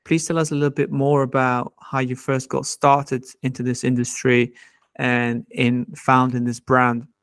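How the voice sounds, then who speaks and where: A man's voice: mid-range voice, little pitch movement, measured pace, a bit bright, smooth, no echo, clean studio sound. A man hosting a podcast, friendly as he asks his guest long questions. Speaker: podcast host. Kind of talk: interview host.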